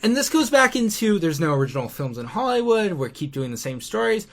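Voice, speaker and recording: A man's voice: high-pitched, big pitch swings, a little fast. A man in a casual debate, talking emphatically, repeating himself and cutting in to make his point.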